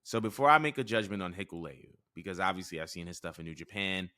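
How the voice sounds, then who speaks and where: A man co-hosting a casual chat show, leading the topics in a clear, steady, presenter-like way. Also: low-pitched, fast, dry recording, clean studio sound. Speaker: podcast co-host.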